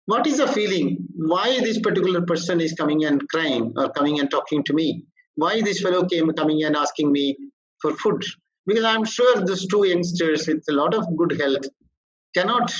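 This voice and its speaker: Male corporate trainer, slightly high voice, halting and explanatory lecture delivery, muffled lo-fi recording. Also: breathy edge. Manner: halting, explanatory, frequent restarts. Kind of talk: workshop lecture.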